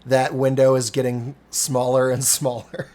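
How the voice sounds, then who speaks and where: A man's voice: mid-range voice, little pitch movement, a little slow, darkish tone. A man in his forties from the Cincinnati area, chatting casually and rambling with lots of swearing and self-deprecating jokes. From Cincinnati area, USA. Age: 40s. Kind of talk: casual chat.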